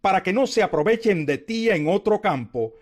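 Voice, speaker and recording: A man's voice: high voice, lively intonation, moderate pace. A man voicing a caring older mother-in-law who gives motherly guidance in scripted scripture dialogue. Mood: caring instruction. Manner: motherly, advising.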